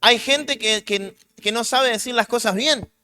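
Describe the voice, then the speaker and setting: A man's voice: very high voice, unhurried, pushed and bright, clean tone, faint music behind. A man preaching as a pastor with a Rioplatense Spanish accent, emphatic and repetitive in his sermon.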